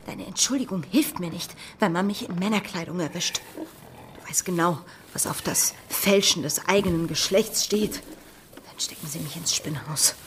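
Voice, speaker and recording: A woman's voice: lowish voice, moderate pace, a little hiss or hum, lightly acted. An actress playing a bold, brash young pirate woman in an audio drama, with a spirited, commanding manner. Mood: hushed, scolding.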